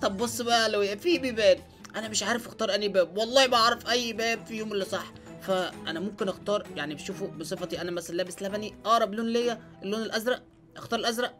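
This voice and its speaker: Rapid-fire Egyptian gamer guy. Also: high voice. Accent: Egyptian Arabic. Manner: excitable, lots of English exclamations. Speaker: gaming channel host. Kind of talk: excited let's-play commentary. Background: faint background music.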